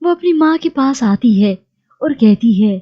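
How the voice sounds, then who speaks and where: A woman narrating a recap of a TV drama in a steady storytelling read. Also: high voice, measured pace, muffled recording.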